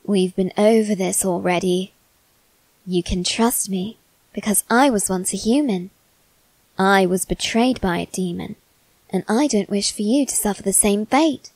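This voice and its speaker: In an ASMR roleplay, a woman voices a silky young male demon who speaks softly and courteously straight to the listener in a coaxing mood. Her soft, measured delivery is slow and unhurried at average pitch, close to the mic in a dry, dead room with no echo, though the audio is poor.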